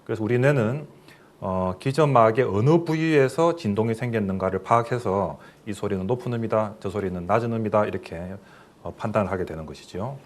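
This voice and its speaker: A man's voice: on the low side, brisk. A middle-aged man, a professor, giving a recorded lecture in a plain explanatory way, with fillers and questions to the listeners.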